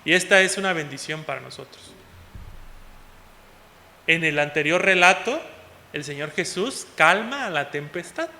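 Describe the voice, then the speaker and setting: A man preaching a sermon as pastor, often calling out to the congregation as "hermanos" and moving between loud and soft passages. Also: on the high side, animated, a little slow, pauses often. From Mexico. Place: church hall. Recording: long hall reverb.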